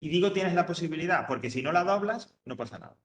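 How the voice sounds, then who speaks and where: A man's voice: on the high side, animated, quick pace, reverberant. A man teaching English grammar to an adult class, patiently repeating each point step by step. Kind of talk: classroom explanation.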